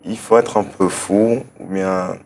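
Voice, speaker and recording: Slow, steady and darkish in tone, this low-voiced man is an interview guest who founded a start-up. Originally from Cameroon with a German-speaking background, he hesitates and frequently repeats words while thinking out loud.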